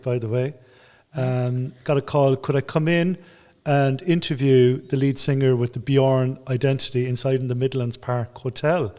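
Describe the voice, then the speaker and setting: An enthusiastic man from Ireland speaks on a panel and tells stories, voicing other people's lines as he goes. His voice sits at an ordinary pitch, and the large old room gives it a long reverb. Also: darkish tone. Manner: storytelling, acts out quotes, enthusiastic. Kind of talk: panel discussion.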